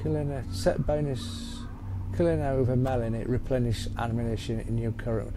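A man's voice: mid-range voice, little pitch movement, moderate pace, noisy background. A man giving a loose, rambling gameplay walkthrough as he plays. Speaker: gaming channel host. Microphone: voice-over on gameplay capture. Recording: game music loud behind voice. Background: game music.

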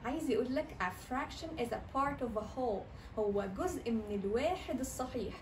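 A woman's voice: on the high side, lively intonation, normal speed, darkish tone, echoey room, far from the mic, a little hiss or hum, rough recording. A woman teacher with an Egyptian Arabic accent explaining English vocabulary and sounds, repeating each word several times. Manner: repetitive drilling of words.

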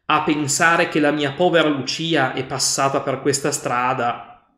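A man's voice: on the high side, steady tone, a little slow, pushed and bright. A man reading aloud as a simple, eager middle-aged country mother, speaking plainly and earnestly. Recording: roomy echo.

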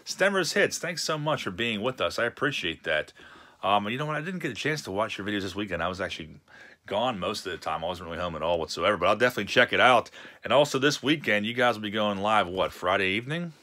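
A man's voice: lowish voice, expressive, fast talker, bright, forceful tone. A man, casually chatting with a live-stream chat while opening card packs at a home desk. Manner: chatty, reads chat messages aloud with laughs.

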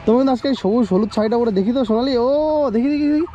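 A man vlogging outdoors at a fair, pleading with his partner and repeating words in rapid bursts. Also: very high-pitched, dark tone, lo-fi sound. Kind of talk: casual vlog banter. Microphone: camera-mounted mic.

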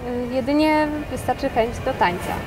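A woman's voice: sits high, lively intonation, moderate pace, music in the background. A young woman from a dance association answering interview questions casually, often starting with fillers. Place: studio set in a shopping mall. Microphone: lapel.

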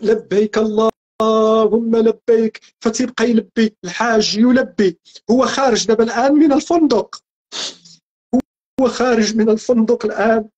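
A man's voice: very high voice, fairly quick, darkish tone. Earnest Moroccan man preaching with repetition. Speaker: religious guest speaker. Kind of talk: spiritual teaching talk.

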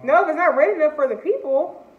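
A woman's voice: high-pitched, animated, fast. A woman hosting a casual food challenge vlog, chatting to viewers. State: teary from spicy food. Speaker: vlogger. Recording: roomy, slightly dull, faint noise.

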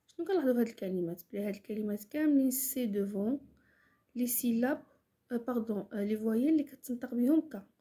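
A woman with a Moroccan Arabic accent teaching French to young pupils, explaining step by step and mixing Moroccan Arabic with French, slowing down to dictate words syllable by syllable. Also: on the high side, warm tone, breathy edge. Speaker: primary school French teacher. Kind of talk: online lesson explanation.

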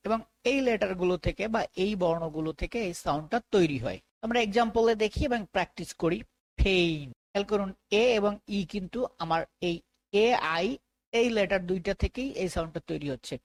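A woman with a Bangladeshi accent teaching a phonics lesson, slowly repeating each sound and correcting common mistakes. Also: mid-range voice. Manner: slow drilled repetition of sounds.

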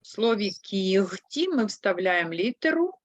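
A woman's voice: medium pitch, sing-song, a little slow, dry recording. A woman teaching a third-grade language lesson, explaining patiently and spelling words out syllable by syllable. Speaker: primary school teacher. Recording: dull, lo-fi dry sound.

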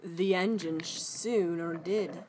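A woman narrating a toy-train story in a plain, unhurried storytelling manner. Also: fairly low pitch, fairly even intonation, darkish tone, a little hiss or hum.

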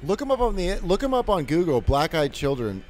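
A man streaming a game live, excitable and profane, yelling at the screen and calling viewers son and dude into his desk microphone. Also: fairly high pitch, fairly quick. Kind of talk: live gameplay commentary. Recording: game music playing under the voice.

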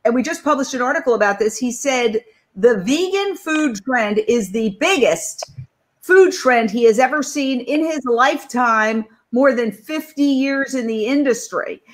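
A woman's voice: high voice, expressive, a little slow. A middle-aged woman hosting a panel discussion over a video call, chatting and putting questions to guests by name. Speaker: panel host.

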